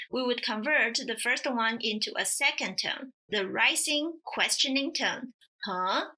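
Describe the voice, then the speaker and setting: A woman teaching pronunciation in a scripted lesson, speaking slowly and carefully as she demonstrates. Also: fairly high pitch, bright, forceful tone. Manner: slow, careful, demonstrative delivery. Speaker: language teacher.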